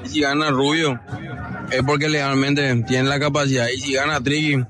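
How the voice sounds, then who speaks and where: A man's voice: medium pitch, little pitch movement, moderate pace, crowd noise. A man with a Paraguayan Spanish accent, a football fan stopped outdoors by a stadium, complaining indignantly and rambling into a reporter's microphone.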